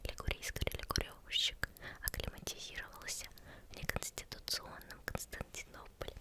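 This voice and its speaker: Whispered ASMR, unvoiced and hushed, tongue-twister recitation, stumbling, repeated syllables. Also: moderate pace. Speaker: ASMR creator.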